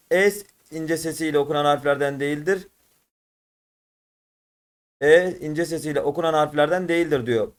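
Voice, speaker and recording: A man with a Turkish accent goes through exam questions as a teacher, talking to his viewers as friends. He often stretches syllables out slowly and repeats them. His voice sits a little on the high side. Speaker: religious studies teacher. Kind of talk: exam-prep lesson, solving test questions.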